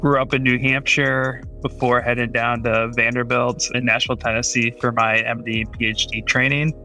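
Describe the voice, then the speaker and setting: Bright, flat-toned male doctor. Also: medium pitch, moderate pace, faint music behind. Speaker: cardiology fellow guest. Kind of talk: casual podcast conversation.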